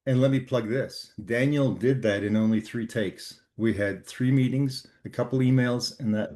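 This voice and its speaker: An older man from Canada, a guest author on leadership, telling a work story in an earnest, measured way with frequent pauses and fillers. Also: medium pitch, dark tone. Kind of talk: storytelling interview talk.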